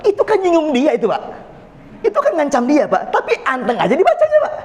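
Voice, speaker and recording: High-voiced preacher in an echoing hall. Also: male voice, wildly swooping pitch, quick pace, darkish tone. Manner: folksy, jokes with the audience, addresses "Pak". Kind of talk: mosque sermon to a congregation. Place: mosque. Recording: long reverb of a mosque hall.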